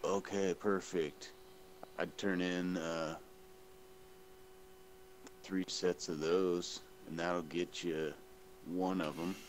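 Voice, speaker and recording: A man's voice: deep voice, little pitch movement, slow, pauses often, a little hiss or hum. A man playing a video game with a friend, laid-back and teasing, laughing often. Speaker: gamer co-op player. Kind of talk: casual gaming chat.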